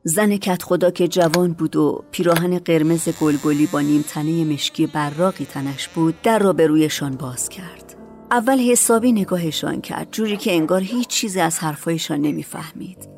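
A woman narrating a storybook in a calm, measured reading voice. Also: sits low, soft background music.

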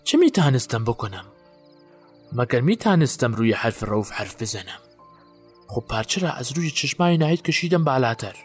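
A man's voice: mid-range voice, very animated, breathy edge, faint music behind. A man playing a haunted, guilt-ridden witness. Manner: halting, haunted recollection. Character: guilt-haunted man recalling a night burial. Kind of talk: audio drama acting.

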